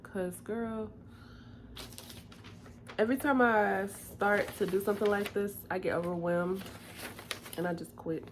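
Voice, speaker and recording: A woman talking casually in a personal video diary, soft-spoken and confiding, weary and tearful. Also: medium pitch, slight background noise. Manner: slow, soft-spoken and confiding, drifting between calm and weary.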